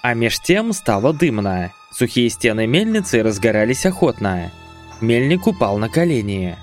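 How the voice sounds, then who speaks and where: A man's voice: medium pitch, sing-song, normal speed, faint music behind. A man reading a first-person fantasy audiobook with wry, conversational asides. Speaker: audiobook narrator.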